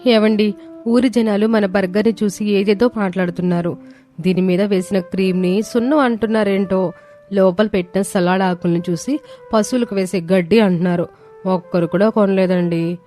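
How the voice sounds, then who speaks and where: A woman's voice: medium pitch, fairly even intonation, normal speed, mellow, soft background music, natural voice. A woman voicing a young daughter-in-law who speaks in a plaintive way. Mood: upset.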